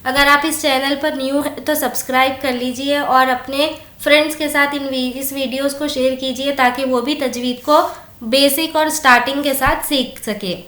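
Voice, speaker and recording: Woman, tajweed teacher, high voice, plain explanations, slow stretched recitation, roomy echo. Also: steady tone, sharp tone. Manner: explains rules plainly, then recites words slowly and drawn out. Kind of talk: slow word-by-word recitation lesson.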